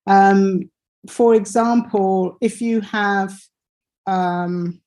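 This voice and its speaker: A woman's voice: mid-range voice, fairly even intonation, extremely slow, darkish tone. A woman teaching English pronunciation in an online lesson over a computer mic, hesitant, with many fillers and restarts.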